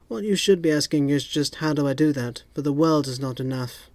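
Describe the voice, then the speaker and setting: A man voicing a suave male secret agent with smooth, dry wit. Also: fairly high pitch, a little fast, no echo, lightly acted.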